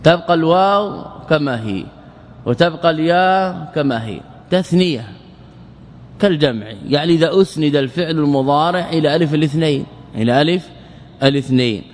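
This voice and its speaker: Male grammar teacher in a reverberant hall. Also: on the high side. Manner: repeats words slowly, asks and answers his own questions. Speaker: teacher of Arabic morphology. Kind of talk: classroom lecture explaining grammar.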